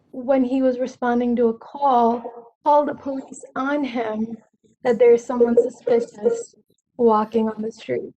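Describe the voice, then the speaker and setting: A woman's voice: a little high, dark tone. A woman casually sharing a personal account in a group discussion, over a lo-fi call recording.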